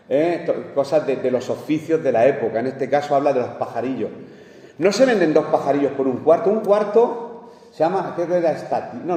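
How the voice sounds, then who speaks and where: A man's voice: medium pitch, dark tone, distant mic. A man from Spain preaching a sermon in a church, in a conversational way, joking with the congregation and chuckling often. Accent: Spanish from Spain. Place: church hall. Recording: echoey hall, voice from afar.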